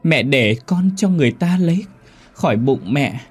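A man's voice: fairly high pitch, animated, slightly rough, faint music behind, pitched above the performer's own voice. A man doing a wailing ghost child. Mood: plaintive wailing. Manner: slow, plaintive, wailing. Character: ghost of an abandoned small child, pleading.

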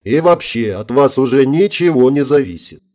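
A man's voice: medium pitch, expressive, moderate pace, a little mellow, lightly acted. A man voicing a nervous young sidekick of a thug, sneering then jittery.

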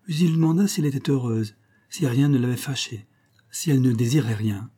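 A man narrating a fairy tale in an audiobook, with a measured, expressive reading. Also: medium pitch, slightly rough.

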